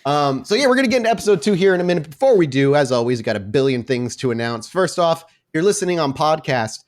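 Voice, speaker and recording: A man with a slightly high voice and lively intonation talks fast as a podcast host and game storyteller. He's chatty and informal, delivering podcast announcements and game narration.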